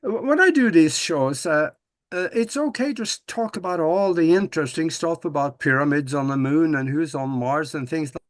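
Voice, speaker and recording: An older man from Norway, talking in a folksy, cheerful way as an interview guest. His voice sits a little high for a man. The sound is close and dry, with no room around it. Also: moderate pace, dry recording. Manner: folksy and upbeat, restarts with many "uh"s. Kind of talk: casual interview.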